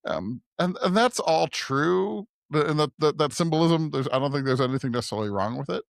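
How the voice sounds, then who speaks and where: A preacher co-hosting a podcast talks through scripture conversationally, halting and searching for words while often checking in with "right?". His voice is fairly high-pitched, animated, and creaky, captured in studio quality with no echo.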